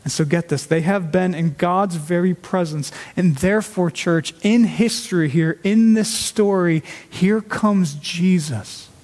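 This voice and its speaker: High-voiced man preaching in a hall. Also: measured pace, few pauses, darkish tone. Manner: earnest, emphatic preaching with rhetorical questions. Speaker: pastor. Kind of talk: sermon.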